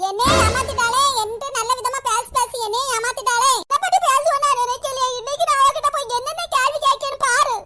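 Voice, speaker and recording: A woman voicing several gossiping village women and old grannies in a homemade cartoon, with a high squeaky put-on voice, scolding and quarrelsome. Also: sharp tone. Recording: noisy homemade recording.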